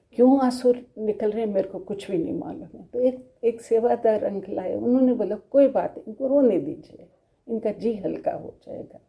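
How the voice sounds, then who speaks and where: Gravelly, dark-voiced woman sharing testimony. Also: mid-range voice. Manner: emotional, drops to soft murmured prayers. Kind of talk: personal devotional testimony.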